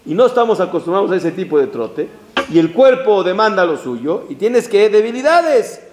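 A man, a rabbi giving a religious lesson in an animated, emphatic way, with Hebrew phrases mixed in. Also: high voice, moderate pace, background noise. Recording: roomy echo.

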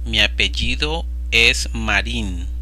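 With slight background noise in the recording, a man of medium pitch and a pushed, bright voice reads Spanish practice phrases over slides. He takes them one at a time in a slow vocabulary drill, pronouncing each with care.

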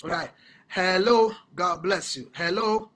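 A man's voice: sits high, a little slow, heavy background noise. A man hosting a live call-in broadcast as a prophet, urging callers with commanding, repeated instructions. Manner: commanding, repetitive exhortations.

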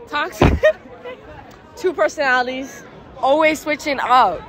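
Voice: high-pitched, slow, fairly bright tone, some chatter behind. A person giving blunt, laughing answers in a casual street interview outdoors.

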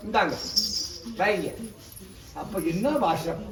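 A man from Tamil Nadu, a temple priest performing an exorcism, scolding and commanding the spirit, often shouting. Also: high voice, slow. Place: temple, outdoors or open hall. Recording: echoey, distant mic, noisy.

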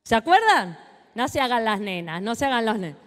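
Lively high-voiced Argentine woman preaching. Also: brisk, long reverb tail. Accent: Rioplatense Spanish. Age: middle-aged. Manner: animated, teasing, talks directly to the audience. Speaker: pastor and speaker. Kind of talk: sermon to a live audience. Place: large hall with a live audience.

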